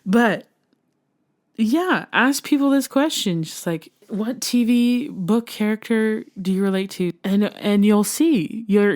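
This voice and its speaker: Woman, podcast host, low-pitched, earnest and heartfelt, laughs often. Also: darkish tone. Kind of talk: solo podcast monologue.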